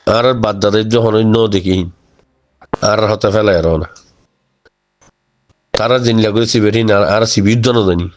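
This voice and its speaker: A man's voice: fairly low pitch, steady tone, moderate pace, long pauses. A man with a Rohingya accent close to Chittagonian speaks informally to his community, exhorting them and often checking with rhetorical questions that they follow. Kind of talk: informal spoken address.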